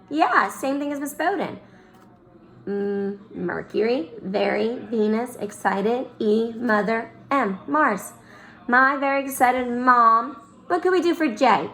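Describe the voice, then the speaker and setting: A woman's voice: on the high side, sharp tone. A young woman teaching young children in a recorded lesson, drawing her words out in a sing-song teacher manner. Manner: slow, drawn-out, sing-song teacher talk.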